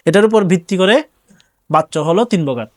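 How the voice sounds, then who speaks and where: A young male teacher delivers a grammar lecture at a brisk clip. His voice sits high for a man. He walks through each point, repeats key phrases, and answers his own questions. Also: lively intonation. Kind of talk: exam-prep grammar lecture.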